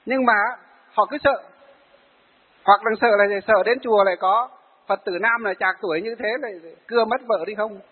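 A Buddhist monk, giving a sermon to lay followers and telling stories of them in a lively way. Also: male voice, high-pitched, normal speed, husky. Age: 40s. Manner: storytelling, acts out the people he tells of. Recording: phone-like, hall reverb.

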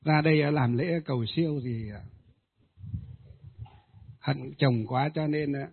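A man, a Buddhist ritual master, tells a ghost story in a hesitant way, with many filler pauses. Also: a little high, breathy edge. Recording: tinny phone-like audio.

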